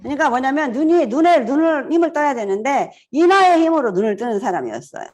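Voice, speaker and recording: A woman in her fifties speaks to a seminar audience in a casual, chatty way. Her voice sits a little high and swings widely in pitch. She laughs often and acts out little scenes as she talks. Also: sing-song, fast talker, a little mellow.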